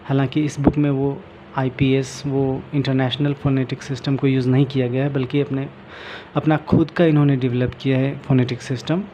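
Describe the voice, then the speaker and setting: Man teaching, reading slowly aloud. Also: medium pitch, level tone, dark tone, slight background noise. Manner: mixes English and Hindi, reads English slowly aloud. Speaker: English vocabulary teacher. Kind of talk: explaining a book aloud.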